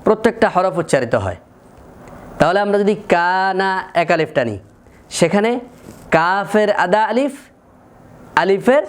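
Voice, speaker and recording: High-voiced man teaching Quran pronunciation. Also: a little hiss or hum. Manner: patient, methodical, repeats sounds to demonstrate. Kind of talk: slow, deliberate lesson with repeated sample sounds.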